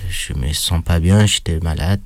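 A man being interviewed, recounting his experience in halting, hesitant speech with a non-native accent. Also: low-pitched. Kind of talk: personal account in an interview.

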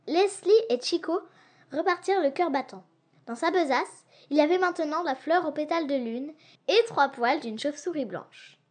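A woman narrating an adventure audiobook for young listeners with a lively, expressive reading. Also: high-pitched, moderate pace. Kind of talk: storybook narration.

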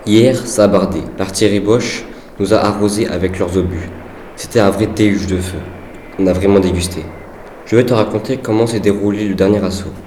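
A man giving an earnest, measured dramatized reading of a wartime letter. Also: fairly low pitch, steady tone, mellow, a little hiss or hum. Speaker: reader of a soldier's letter. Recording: echoey room with faint background ambience.

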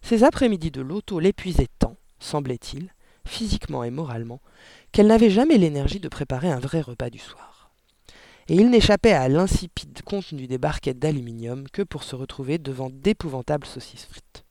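A man reading a children's novel aloud, expressive and dropping to a hush at tense moments. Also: on the high side, brisk, dry recording. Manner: expressive, dropping to a whisper for suspense. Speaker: audiobook reader. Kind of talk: storybook narration.

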